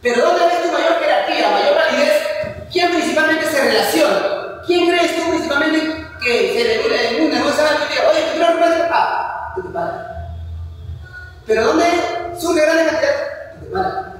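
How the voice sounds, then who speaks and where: High-voiced man lecturing. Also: normal speed, a bit bright. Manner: asks rhetorical questions and answers them, repeats key points. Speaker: history teacher. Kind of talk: classroom lecture. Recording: echoey hall, voice from far off.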